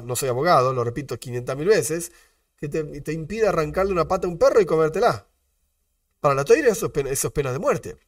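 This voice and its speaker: An Argentine man teaches a religious lesson as a rabbi, his fairly high voice leaping up and down as he fires off rhetorical questions. He keeps stopping to repeat his disclaimers. The sound is dry and picked up from a little way off the mic. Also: no echo, distant mic. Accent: Argentine Spanish.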